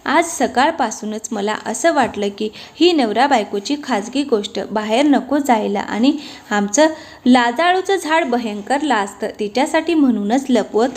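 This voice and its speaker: A woman's voice: a little high, animated, a little slow. A woman voicing a young husband who playfully scolds his friends and jokes with his wife, in a storybook reading. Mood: teasing. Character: young husband, teasing and easygoing.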